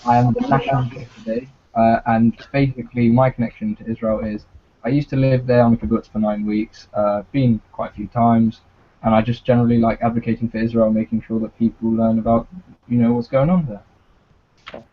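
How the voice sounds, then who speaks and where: Teen boy on a video call, flat and even, muffled with faint hiss. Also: medium pitch, fairly quick. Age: teens. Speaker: panelist. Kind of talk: casual online call.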